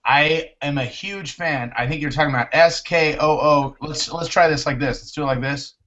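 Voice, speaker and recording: A man's voice: a little high, moderate pace, fairly bright tone. A man hosting a casual live chat show, playful and jokey, calling out his guests by name. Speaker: host.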